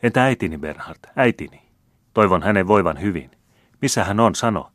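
A man voicing an excitable eighteen-year-old young count, asking question after question. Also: low voice, dry recording, studio quality, voice pushed up. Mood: eager. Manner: breathless, questioning.

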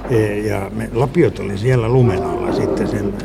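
A man's voice: lowish voice, creaky. Man, rambling storyteller, hesitant restarts, voices of a crowd behind. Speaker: interviewee recalling a snowstorm. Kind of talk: casual storytelling.

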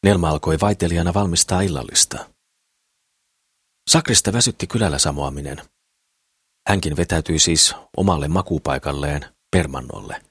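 A man narrating an audiobook in a calm, steady reading voice. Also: very deep voice, husky, dry recording, studio quality.

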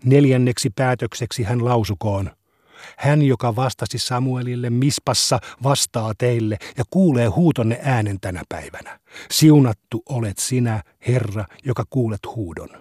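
A man giving a measured, solemn reading of translated religious texts. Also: medium pitch, darkish tone, dry recording, clean studio sound. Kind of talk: scripted reading of translated scripture.

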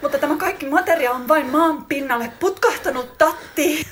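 A woman's voice: mid-range voice, a little hiss or hum, natural voice. A woman voicing a wistful wife reading a letter to her husband in a radio drama monologue, intimate and reflective. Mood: heightened. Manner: intimate, reflective, growing more heightened and excited.

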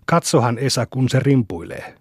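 A man voicing an excitable, curious young country boy in an audiobook. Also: medium pitch, breathy edge, no room sound, studio quality. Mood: excited.

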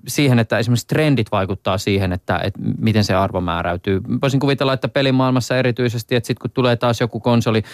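A man's voice: medium pitch, dry recording, studio quality. A man hosting a casual conversation, asking long, winding questions. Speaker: host. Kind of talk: casual interview.

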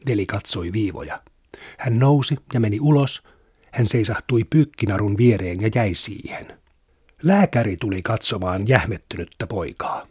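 A man reading literary fiction aloud in a measured, even narration. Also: fairly low pitch, breathy edge, dry recording, clean studio sound. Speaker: reader.

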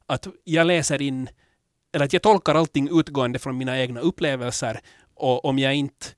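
A man in casual podcast conversation, talking candidly and rambling through his thoughts with frequent restarts. His voice sits at a middle pitch with a slightly gravelly edge, and it is recorded close and dry with no room sound. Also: no echo. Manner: candid, rambling with restarts, turning animated in anecdotes. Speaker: podcast host.

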